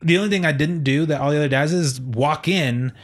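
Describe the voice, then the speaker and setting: A man's voice: a little high, fairly quick. A man in his thirties co-hosting a gaming podcast, chatting casually in a rambling way, laughing often and swearing now and then. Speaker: podcast co-host. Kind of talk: casual chat.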